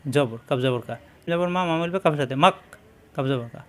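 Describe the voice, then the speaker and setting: A man teaching Quran reading, slowly spelling out and repeating syllables in a patient drilling lesson, with a Bangladeshi Bengali accent. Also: fairly high pitch. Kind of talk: slow spelled-out recitation lesson.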